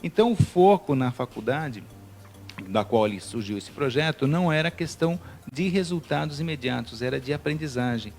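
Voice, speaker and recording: A man's voice: medium pitch, moderate pace, gravelly. A middle-aged Brazilian man, a teacher, speaking as a guest in a TV interview, hesitant with many fillers and restarts. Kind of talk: TV studio interview.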